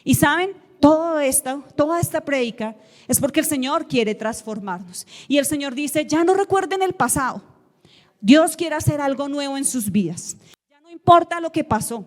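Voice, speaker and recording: A woman's voice: high-pitched, normal speed, a little mellow, in a large hall. A woman preaching a sermon to her congregation, emphatic and full of rhetorical questions. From Colombia. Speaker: guest preacher. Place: church sanctuary.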